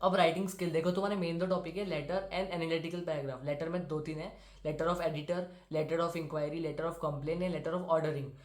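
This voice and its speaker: A teenage boy from India, a student giving brisk, direct exam-prep advice as a study-tips talk to camera. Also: a little high, steady tone. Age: teens. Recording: roomy echo.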